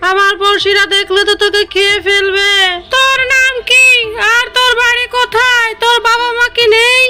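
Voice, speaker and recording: A woman's voice: extremely high pitch, fairly even intonation, moderate pace, bright, forceful tone, full character voice. A woman voicing a kindly, motherly female tree ghost in a cartoon, with a tender, doting, sweet old lady manner. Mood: tender, reassuring. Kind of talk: cartoon voice acting. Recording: music behind the voice.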